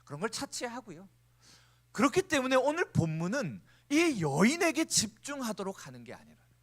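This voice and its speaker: A male pastor preaching to a youth congregation with a strikingly high voice. His pitch swings widely as he talks, and he slips into playful acted-out quotes between points. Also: fairly quick. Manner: animated, acts out quoted speech, playful asides. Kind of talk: sermon.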